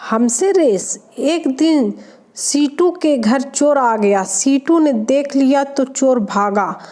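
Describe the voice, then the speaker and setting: A woman reading out a string of short jokes, narrating evenly and dropping her voice lower for the male characters. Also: slow, mellow. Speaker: joke reader. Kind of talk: reading Hindi jokes aloud.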